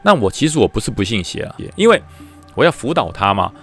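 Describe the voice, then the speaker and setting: Lively Taiwanese-accented male storyteller. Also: on the low side, fast talker, husky, faint music behind. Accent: Taiwanese Mandarin. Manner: lively, chatty, acts out the voices. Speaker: storyteller, former battalion commander. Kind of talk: storytelling podcast.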